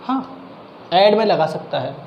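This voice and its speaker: A man tutors math in an easygoing classroom way, explaining step by step and mixing English math terms in. His high voice has lively intonation, a measured pace and vocal fry. The audio is dull, with room echo and faint background noise.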